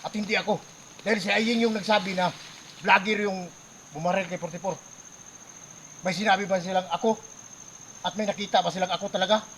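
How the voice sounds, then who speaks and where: A man vlogger quietly defending himself against an accusation. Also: high voice, fairly even intonation, brisk, pauses often, slight background noise. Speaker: vlogger friend. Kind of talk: heated staged argument among friends.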